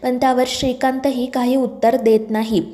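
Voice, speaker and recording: High, mellow-voiced woman narrating. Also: normal speed. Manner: steady read-aloud storytelling. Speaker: serial recap narrator. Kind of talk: scripted narration.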